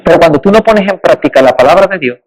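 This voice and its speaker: High-voiced man preaching emphatically. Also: lively intonation, fast talker, low-quality recording. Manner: emphatic, rising on repeated rhetorical lists. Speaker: pastor. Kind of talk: sermon.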